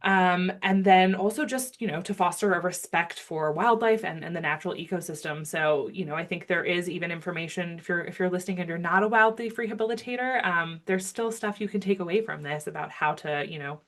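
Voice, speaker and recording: A woman's voice: on the low side, brisk, hardly any pauses, fairly bright tone. A woman talking earnestly as a guest in an interview, with frequent ums and restarts. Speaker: guest, wildlife rehabilitation board member. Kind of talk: casual interview talk.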